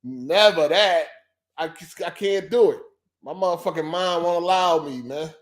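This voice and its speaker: Speaking a little slowly in a fairly high pitch, a male podcast host from Philadelphia keeps his livestream casual. His talk is loose and profane, and he repeats himself for effect.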